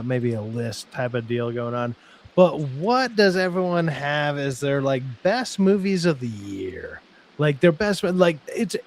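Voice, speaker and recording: A man's voice: fairly high pitch, slight background noise. A man hosting a casual online panel chat, joking and swearing as he steers the talk. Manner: joking, profane, talks over guests. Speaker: podcast host.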